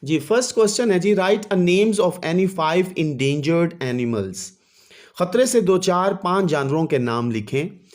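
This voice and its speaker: A man teaching a primary English lesson, reading each English line slowly and then explaining it. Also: sits high, lively intonation.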